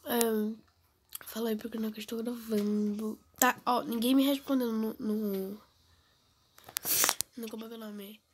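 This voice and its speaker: Soft-spoken teen girl with a cold. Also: steady tone, a little slow, pauses often, slightly rough. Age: teens. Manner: speaks softly and low, often near a whisper. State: has a cold. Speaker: gamer vlogger. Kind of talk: casual gameplay commentary.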